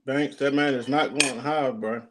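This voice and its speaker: A man's voice: medium pitch, steady tone, measured pace, a crowd in the background. A man in a casual group debate, speaking insistently and contradicting the others. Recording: noisy mic with clicks.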